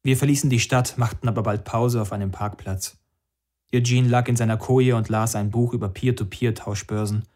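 A man's voice: medium pitch, fairly even intonation, normal speed, darkish tone. A man reading a first-person story aloud in a dry, understated manner. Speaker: audiobook narrator.

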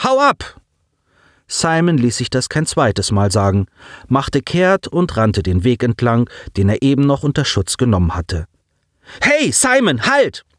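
A man narrates an audiobook with a lively, swinging voice at a middle pitch. The recording is dry and close, with no room sound. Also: no room sound. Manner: expressive, lively reading.

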